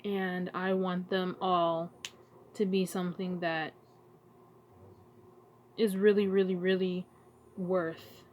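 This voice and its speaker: A woman talking to her channel in a casual, emotional vlog, halting and searching for words as she grows tearful. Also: fairly low pitch, level tone, a little mellow, a little hiss or hum. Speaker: vlogger. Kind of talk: casual heartfelt vlog talk.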